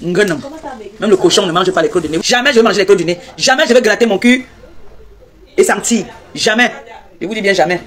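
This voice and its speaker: A woman hosting a live stream, teasing her viewers and reeling off repetitive, mock-preaching blessings in a loud voice. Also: mid-range voice, a little fast. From Cameroon.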